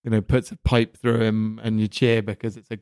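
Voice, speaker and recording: A man chatting casually about films, relaxed and a bit halting. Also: on the low side, clear, resonant tone, dry recording, clean studio sound. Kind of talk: casual film discussion.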